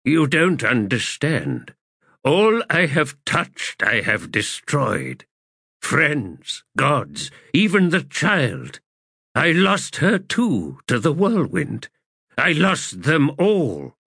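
A man's voice: fairly high pitch, wildly swooping pitch, very slow, vocal fry, a bit bright, breathy edge, no echo, studio quality, pitched above the performer's own voice, heavily acted. A man voicing a blind, grief-stricken old man who begs and confesses his guilt in an anguished, pleading way.

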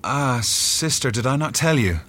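An actor playing a suave, sly fae noble and courtly emissary, with a flippant, theatrical manner, in an audio drama. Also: male voice, medium pitch, expressive, a little slow, fairly bright tone. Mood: smoothly courtly. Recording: music behind the voice.

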